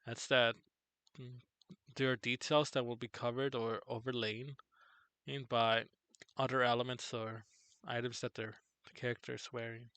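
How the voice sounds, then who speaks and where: A tired man teaching on a live tutorial stream, halting and correcting himself as he goes. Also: little pitch movement, fairly bright tone, clean tone, dry recording. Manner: halting, self-correcting, low-energy. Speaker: streamer teaching 3D character software.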